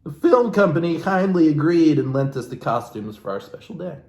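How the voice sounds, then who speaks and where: A man with a fairly high, sing-song, slightly mellow voice reads at a moderate pace, mocking the book and adding casual sweary asides. He's reader and host of a comic book reading, in a room with echo and background noise.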